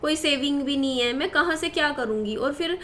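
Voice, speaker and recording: Speaking to camera for her viewers, a woman vlogger in her 30s sounds worried and meanders, filling in gaps and restarting sentences often. She has a high, fairly bright voice and talks a little fast, with a slight hiss or hum on the recording.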